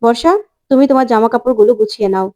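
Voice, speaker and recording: A woman voicing an angry young husband who confronts his wife forcefully. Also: on the high side, very fast, natural voice. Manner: forceful, indignant.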